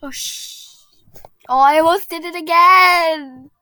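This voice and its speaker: Excitable woman hosting a chill podcast, reads a creepy story, giggles a lot, really high voice. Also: slow pace, no echo. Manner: giggly, often breaks into laughter; chatty and excitable. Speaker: podcast host. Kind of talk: casual podcast chat, reading a spooky story aloud.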